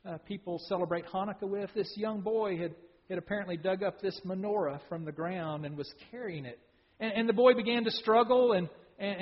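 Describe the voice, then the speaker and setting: A male pastor preaching a sermon and telling a story, often repeating words as he starts phrases, in a church sanctuary. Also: high-pitched. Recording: dull sound with long hall reverb.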